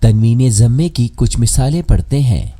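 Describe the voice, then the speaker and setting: A man teaching Quran pronunciation rules in a measured, scripted lesson. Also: medium pitch, lively intonation, dark tone.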